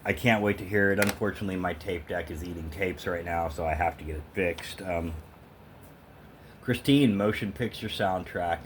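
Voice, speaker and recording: At a moderate pace and low pitch, a man vlogs his thrift store music finds, speaking to the camera casually and with emphasis. He's an opinionated music fan whose talk meanders, and a little hiss or hum can be heard.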